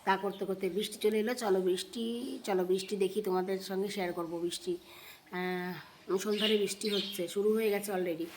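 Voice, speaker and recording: A woman with a hoarse voice chatting directly to her viewers in a casual home vlog, filmed on a handheld phone. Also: mid-range voice, flat delivery, fast, background noise. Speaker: vlogger. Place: at home, indoors and on a balcony.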